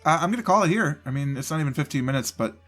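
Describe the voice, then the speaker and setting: A gaming channel host with a cold talks through a channel update on his home desk mic, his stuffed-up voice pitched on the high side and fairly bright. He rambles loosely and quickly, animated and cutting himself off, with faint music in the background. Only his voice is picked up by the mic.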